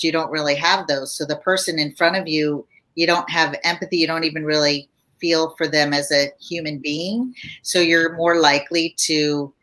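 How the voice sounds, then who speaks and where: Woman family therapist, bright, lowish voice, patient explainer. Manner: explains calmly in a teaching tone. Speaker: marriage and family therapist guest. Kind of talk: casual advice chat.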